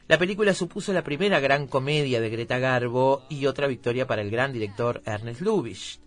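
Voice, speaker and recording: Male film show host, mid-pitched, reads summaries steadily. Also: fairly bright tone. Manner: measured, informative reading.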